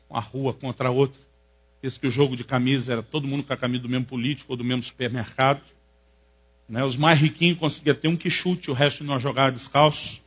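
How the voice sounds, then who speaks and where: Husky Brazilian pastor telling stories. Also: male voice, mid-range voice. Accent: Brazilian Portuguese. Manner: animated, jokey storytelling with rising excited peaks. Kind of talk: sermon storytelling.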